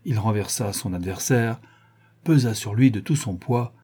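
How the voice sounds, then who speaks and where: Audiobook narrator, man, mellow and dark-toned, steady reading. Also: fairly low pitch, normal speed, breathy edge.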